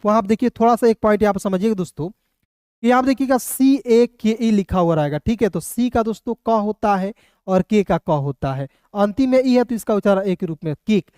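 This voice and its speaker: A mellow, smooth voice of medium pitch, fairly quick, leads an online English reading lesson taught in Hindi. The teacher spells out words letter by letter, patiently and repetitively quizzing viewers and addressing them as friends, in clean studio audio with no echo.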